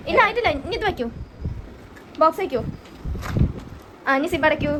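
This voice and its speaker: High-voiced woman coaxing a toddler. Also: expressive, normal speed, noisy background. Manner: coaxing sing-song talk to a toddler. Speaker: vlogger and mother. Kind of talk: casual family vlog talk.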